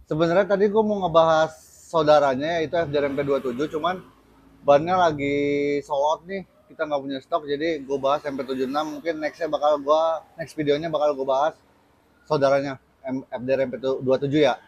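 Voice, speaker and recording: Male vlog host, Jakarta accent, slightly high husky voice, slangy and chummy product-review delivery. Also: steady tone, fairly quick, dull audio. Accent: Jakarta Indonesian. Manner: slangy, chummy address to viewers. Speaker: host of a tyre review channel. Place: busy tyre workshop.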